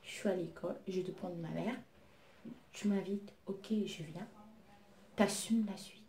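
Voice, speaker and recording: A woman chatting casually as she tells a story about her own life, retelling what she said with an indignant, lively edge. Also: on the low side, unhurried. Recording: roomy echo.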